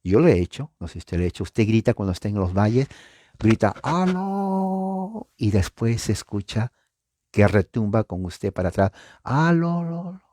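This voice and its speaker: A man preaching a Bible teaching, talking to his listeners with rhetorical questions and sudden rises in pitch for emphasis. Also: fairly quick, clean studio sound. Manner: animated, pitch jumps up for emphasis and acted-out echoes.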